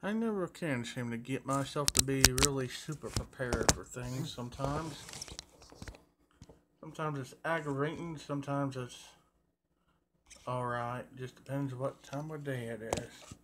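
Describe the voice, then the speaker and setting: Chatting into his phone with a mid-range voice at a measured pace, this man hosts a livestream, rambling to viewers in a folksy, colloquial manner. Background ambience and noise fill the phone recording.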